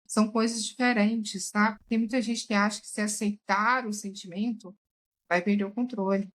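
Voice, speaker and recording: Emphatic higher-voiced woman commentator. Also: rough recording. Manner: emphatic, addresses listeners as "gente". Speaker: therapeutic tarot reader, guest. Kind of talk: casual commentary while watching a recorded chat.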